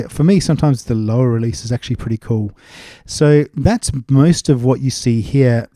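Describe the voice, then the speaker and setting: In a clean, dry studio recording, a man with a dark-toned, mid-range voice gives an informal music production tutorial, demonstrating and explaining step by step. Music loops and vocal samples play behind him.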